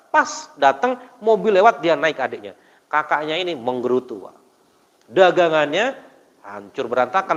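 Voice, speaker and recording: A fairly high-voiced man preaches to a congregation in a big echoing hall, with long reverb trailing his words. He tells stories and keeps turning to the crowd with questions. The sound is dull and muffled. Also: a bit bright. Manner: storytelling with rhetorical questions to the congregation. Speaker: Islamic preacher. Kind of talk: mosque study sermon. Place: mosque hall.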